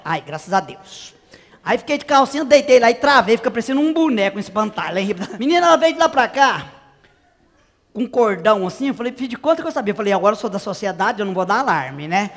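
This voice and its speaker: A man's voice: very high voice, a bit bright, in a large hall, heavily acted. A man playing a brash, naive country woman from the interior, telling a comic story in character. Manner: chatty, exaggerated, squealing cries. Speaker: comedian.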